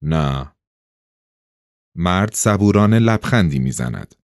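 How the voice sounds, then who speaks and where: A man reading an audiobook aloud in an expressive storytelling delivery. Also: lowish voice. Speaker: audiobook narrator. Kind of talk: scripted narration.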